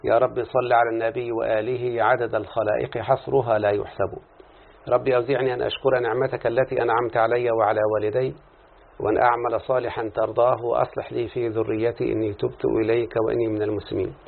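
A man's voice: mid-range voice, level tone, quick pace, creaky. A man with an Egyptian accent teaching a lesson as a sheikh, who keeps asking his students questions, answers them himself and switches between classical and colloquial speech. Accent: Egyptian Arabic. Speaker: sheikh teaching Arabic morphology. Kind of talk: recorded lesson. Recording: tinny phone-like lo-fi audio.

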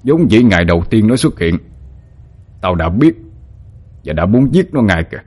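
A man voicing a sinister, scheming old male sorcerer who talks in a low, menacing way. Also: very animated, moderate pace, darkish tone, husky. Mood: scornful.

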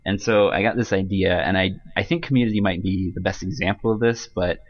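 A man's voice: low-pitched, fairly quick, muffled recording. A man talking casually on a podcast as a guest author, hesitant and rambling, with frequent ums and restarts.

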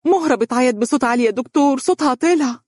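Narrator playing a shrill, rushed Egyptian mother, breathless and tearful, husky audiobook voice, dry sound. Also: mellow, no room sound, lightly acted. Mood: urgent tearful. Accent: Egyptian Arabic. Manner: urgent, breathless and pleading. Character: anxious tearful mother, middle-aged woman.

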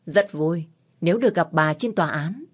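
Woman reading as a calm, confident male lawyer. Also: on the low side, husky. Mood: cool. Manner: measured and coolly threatening.

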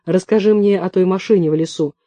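A man voicing a soft-spoken male interrogator who talks quietly and evenly, coaxing and menacing at once. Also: high voice, fast, dry recording, natural voice.

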